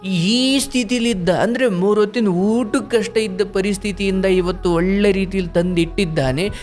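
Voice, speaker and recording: On a live spiritual call-in show, a man with a high, creaky voice counsels a caller. He tells a story, sprinkling in rhetorical questions and some gentle scolding.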